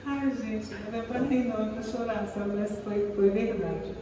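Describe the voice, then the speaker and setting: A woman's voice: a little high, moderate pace. Brazilian lady telling a story with lots of laughs, far from the mic, echoey room with some hiss. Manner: chatty, laughing often, frequent "né?". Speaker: co-host of a spiritist live show. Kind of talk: casual storytelling. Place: live stream. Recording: echoey room, distant mic, background noise.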